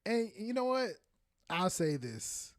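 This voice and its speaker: A man in his thirties hosts a podcast, casually and animatedly commenting as he browses and reads aloud, with frequent laughter. His high voice moves slowly and swings widely in pitch, and the studio-quality recording is dry.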